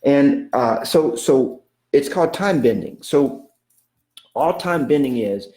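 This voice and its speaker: A man's voice: medium pitch, lively intonation, slow pace, mellow, echoey room. A man giving a motivational coaching talk, emphatic and repetitive, often checking in with "okay?" and speaking of God in a preacherly way. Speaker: real estate coach.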